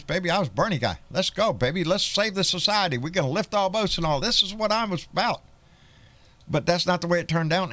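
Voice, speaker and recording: A man's voice: on the high side, a bit bright, dry recording. A man with a Texan country twang hosting a live political chat show, folksy and profane, often restarting his sentences. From Texas. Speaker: host.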